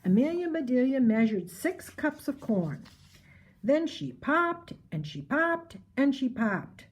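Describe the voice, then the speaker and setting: Older woman, grandma voice, children's read-aloud, lively intonation, slightly high, storytelling. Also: takes it slowly, husky.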